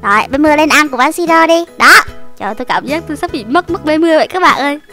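A young woman giving excitable, giggly gameplay commentary full of dramatic exclamations. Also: sits high, very fast, over music. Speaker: game YouTuber.

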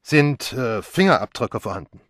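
A man voicing a brisk middle-aged male police chief who speaks loudly and officially. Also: mid-range voice, big pitch swings, no room sound, clean studio sound, voice pushed up. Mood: pressing. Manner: loud, firm, official.

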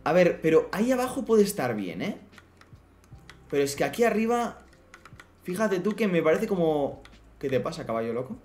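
Slightly high and very animated, this man's voice has a darkish tone, a moderate pace, and frequent pauses. He's livestreaming a block-building game, joking around with chat and talking to his pet horse and other in-game animals.

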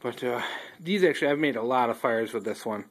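A man casually reviewing outdoor fire starters, talking in a relaxed, rambling way with many ums and restarts, recorded on a phone he holds while filming a tabletop indoors. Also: medium pitch, brisk. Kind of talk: casual show-and-tell review. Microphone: handheld phone filming table close up.

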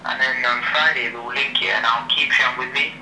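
Heard through a phone speaker raised in a room, the call is noisy and echoey. A young man speaks at normal speed in a mid-range, sharp-toned voice with fairly even intonation, chatting casually in slang, repeating himself and adding "yeah" and "innit".

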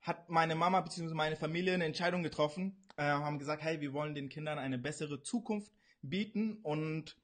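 A man in his twenties from Pakistan, answering interview questions over a video call in an earnest, halting way. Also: on the high side. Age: 20s. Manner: earnest, halting, frequent fillers. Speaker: interview guest, kickboxer. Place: indoor room, video call.

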